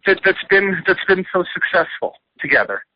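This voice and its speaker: A man's voice: sits high, sing-song, moderate pace, no room sound. A male reporter asking questions very hesitantly and with stammers on a speakerphone-like press call. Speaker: newspaper reporter. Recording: muffled speakerphone-like phone line.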